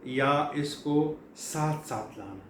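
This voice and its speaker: A middle-aged man from Pakistan, his voice on the high side and fairly bright, teaches English vocabulary to a class in lecture fashion. He repeats key words patiently amid frequent fillers, and the recording has room echo and a faint hum.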